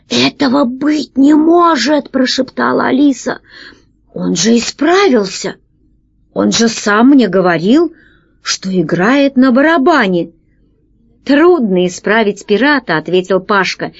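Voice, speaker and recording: A woman's voice: fairly high pitch, a little mellow, highs cut off. A woman narrating a children's science fiction story aloud, reading expressively and shifting her voice for the dialogue. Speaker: audiobook narrator. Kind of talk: scripted narration of a children's sci-fi tale.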